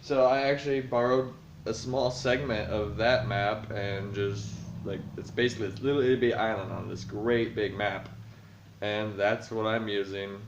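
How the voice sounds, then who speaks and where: Low-voiced man rambling in a roomy room. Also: fairly even intonation, normal speed, slight background noise. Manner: rambling, thinking aloud with many fillers. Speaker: dungeon master. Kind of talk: casual rambling vlog. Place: room at home. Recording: roomy, dull lo-fi home recording.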